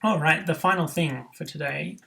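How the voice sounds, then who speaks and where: A man's voice: a little high, normal speed, vocal fry, sharp tone, poor audio. A man teaching a coding tutorial, thinking aloud with frequent ums and self-corrections. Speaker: programming tutor. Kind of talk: screen-recorded coding tutorial.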